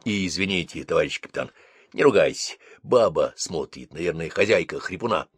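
A man's voice: low voice, animated, fairly quick, breathy edge, no echo, pitched below the performer's own voice. A man doing a crafty chatty police sergeant. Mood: sly. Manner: chatty, wheedling, bossy.

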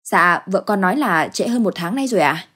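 A woman's voice: medium pitch, lively intonation, fairly quick, husky. A woman voicing an eager, cheerful young husband. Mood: overjoyed. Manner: eager, warm.

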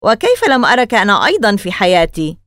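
A woman voicing a spirited twelve-year-old girl who asks sharp, indignant questions in a storybook reading. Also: mid-range voice, very animated, fast, dry recording, studio quality. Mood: curious.

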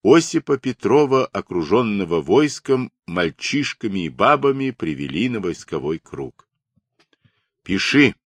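A man narrating a historical novel in an expressive, dramatic reading. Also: on the low side, normal speed, hardly any pauses, no echo. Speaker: audiobook narrator.

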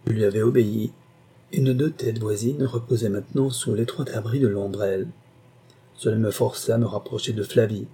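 A man narrates a literary story in a measured, expressive way. His voice is mellow and dark, with a husky edge. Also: medium pitch. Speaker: audiobook narrator.

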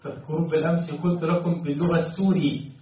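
A man teaches a Quran commentary lesson. He keeps quizzing his students and chants the verses. His voice comes from far off in a booming echo through a thin, phone-like line. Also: little pitch movement, fast. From Egypt. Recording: very echoey, distant, phone-like sound.

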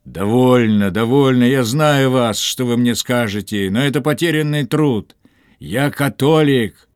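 A man's voice: mid-range voice, unhurried, dry recording, studio quality, pitched above the performer's own voice, close to an everyday voice. A man voicing a stubborn, wounded captain who curses and refuses last rites, weak and in pain. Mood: pleading. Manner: gruff, scornful, swearing. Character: stubborn dying male captain, defiant, cursing.

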